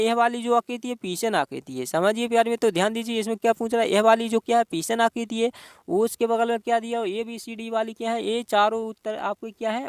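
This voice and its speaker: A man's voice: sits high, no echo, clean studio sound. A male teacher giving an exam-prep reasoning lesson, explaining step by step and asking himself rhetorical questions.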